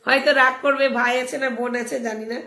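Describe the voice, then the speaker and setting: A woman hosting a casual live stream, hoarse from a cold, brisk and coaxing as she keeps urging viewers on. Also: high-pitched, steady tone, pushed and bright. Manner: brisk, coaxing, keeps repeating calls to act. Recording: roomy echo.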